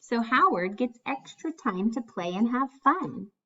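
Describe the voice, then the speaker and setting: With a voice on the high side, a woman reads aloud from a children's picture book, lending it an expressive, deliberate storytelling manner. The audio quality is dull.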